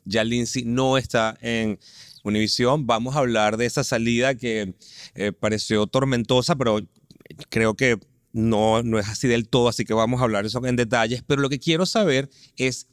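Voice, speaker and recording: A man's voice: mid-range voice, fairly even intonation, moderate pace, smooth, no room sound, clean studio sound. A man from Venezuela hosting a conversational interview, asking questions and giving frequent short affirmations. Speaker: interview host.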